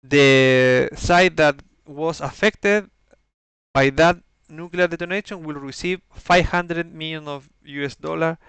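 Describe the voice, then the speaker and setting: A man with a non-native English accent giving an explanatory game briefing in a halting, methodical way, searching for words. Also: a little high, fairly bright tone, clean tone, no room sound. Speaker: organizer briefing players on campaign rules.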